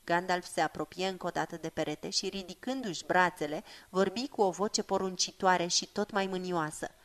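A woman's voice: lowish voice, fairly even intonation. Woman reading a fantasy audiobook. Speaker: audiobook narrator.

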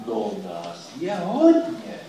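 A man voicing a big, cheeky talking dog with a deep voice, in an echoey room from a distant mic with noise behind. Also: wildly swooping pitch, warm tone, heavily acted. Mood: amused.

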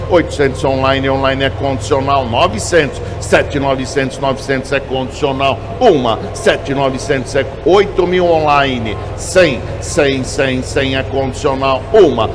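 A Brazilian man working as an auctioneer, chanting bids in short, repeated number phrases. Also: mid-range voice. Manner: repetitive bid calling, clipped number phrases.

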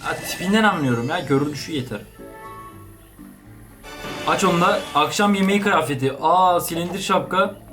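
A young man giving casual, slangy gameplay commentary, excitable and chatting to the characters on screen. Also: fairly high pitch, normal speed, pauses often, over music. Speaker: gaming YouTuber.

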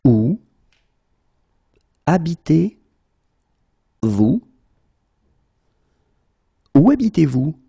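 A man's voice: on the high side, big pitch swings, extremely slow, vocal fry, long pauses, dark tone, slightly rough, no echo. A man teaching French phrases, saying each one, then breaking it into single words, then saying it again. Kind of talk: slow phrase drills for learners.

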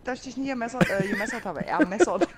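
A man's voice: very high voice, wildly swooping pitch, fast talker, a crowd in the background. A man on voice chat during a shooter game, teasing and boasting to the others. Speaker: teammate on voice chat. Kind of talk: joking gameplay chat. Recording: noisy voice chat, loud gunfire behind.

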